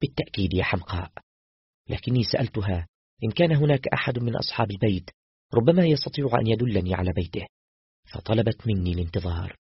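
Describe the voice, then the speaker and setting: A man reading a novel aloud in the first person, with steady, quick, dramatic narration. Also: on the low side, gravelly, husky, no room sound, lo-fi sound. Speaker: storyteller.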